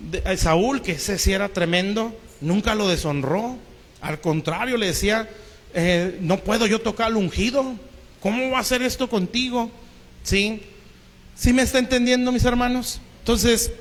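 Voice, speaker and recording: High-voiced pastor preaching in a hall. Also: male voice, fairly bright tone. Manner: keeps asking the congregation "¿sí?". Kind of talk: sermon. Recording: long hall reverb.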